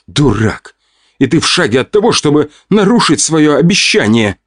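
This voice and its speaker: A man's voice: on the high side, sing-song, moderate pace, dry recording, clean studio sound, voice pushed up. A man voicing a feisty young woman, a bickering fiancée who bursts into flustered scolding.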